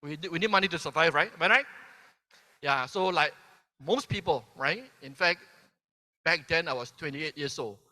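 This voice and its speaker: A Malaysian man in his fifties delivers a motivational keynote in a large convention hall, his slightly high voice bright and forceful with lively intonation. He speaks at a moderate pace, pauses often, tags lines with "right?" and questions the crowd. Long hall reverb carries his voice from the stage.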